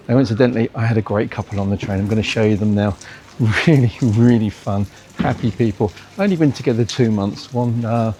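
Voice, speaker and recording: A man's voice: fairly low pitch, warm tone, slight background noise. A man hosting a travel vlog, chatty, upbeat and self-deprecating as he talks through a railway day trip. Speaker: travel vlogger. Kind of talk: casual travel vlog narration.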